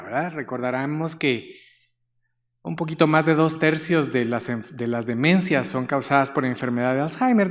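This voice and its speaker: Guatemalan guy lecturing, chatty, lots of eh fillers, middle pitch, big hall echo. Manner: conversational, with frequent "eh" fillers and light humor. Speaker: guest lecturer, neurologist. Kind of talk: conference lecture. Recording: long hall reverb.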